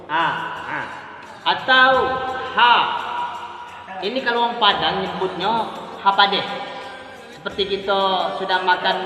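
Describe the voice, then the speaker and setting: A man's voice: high voice, pushed and bright. A man, teaching Quran reading in a casual, joking way and drawing out letter sounds as examples. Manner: joking, drawn-out letter demonstrations. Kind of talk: casual spoken lesson. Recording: echoey hall, voice far from mic, faint music.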